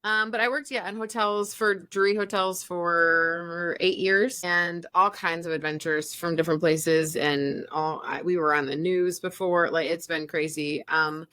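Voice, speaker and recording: A woman's voice: fairly low pitch, measured pace, hardly any pauses, no room sound. A woman in her thirties co-hosting a podcast, telling a long story in casual chat and acting out the people in it. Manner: animated storyteller, acts out quotes. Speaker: podcast co-host.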